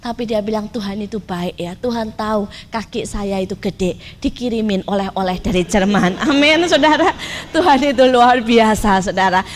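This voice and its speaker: A woman's voice: mid-range voice, normal speed. A middle-aged woman preacher telling a story in a sermon, often turning to her listeners directly. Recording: faint background noise.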